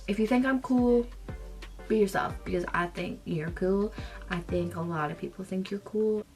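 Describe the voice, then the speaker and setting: Young woman, beauty vlogger, slow casual chat with a gravelly fry, music bed underneath. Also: mid-range voice, a little mellow. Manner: chatty, drifting into whispers now and then. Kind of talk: casual makeup vlog chat.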